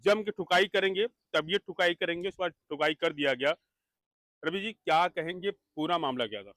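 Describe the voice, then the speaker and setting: A man reporting local news and questioning an interviewee, with brisk commentary. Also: on the high side, pushed and bright, no room sound. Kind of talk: news narration and field interview.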